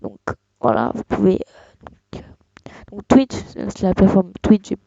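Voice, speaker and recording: Young tutorial host, gravelly and mellow, hesitant delivery, dull dry desktop mic sound. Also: medium pitch, big pitch swings, a little slow, no room sound, in a whisper. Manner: hesitant, many fillers and restarts. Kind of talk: casual screen-recorded tutorial.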